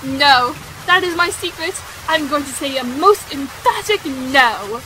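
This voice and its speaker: Against a noisy background, a woman acts a candid, outspoken, headstrong young girl in a period romantic audio drama, sounding defiant. Her voice is high with lively intonation and an unhurried pace, delivered in a theatrical, emphatic manner.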